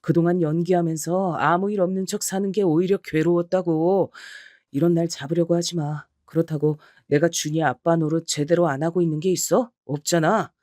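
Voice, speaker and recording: A man playing a cheating middle-aged husband who confesses in a calm, matter-of-fact way, for an audio story. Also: fairly high pitch, moderate pace, no room sound, clean studio sound, close to an everyday voice. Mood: unapologetic. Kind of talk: audio drama reading.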